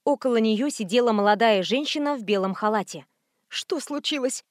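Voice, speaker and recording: A woman narrating an audiobook in a steady, even storytelling read. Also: mid-range voice, a little fast, no echo, studio quality. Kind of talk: scripted narration.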